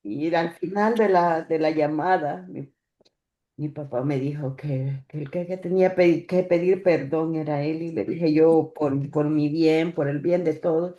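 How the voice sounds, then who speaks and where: A woman giving a personal religious testimony in church. She speaks haltingly, stopping and repeating words as she goes. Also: sits low, dark tone, dull audio. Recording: echoey church room.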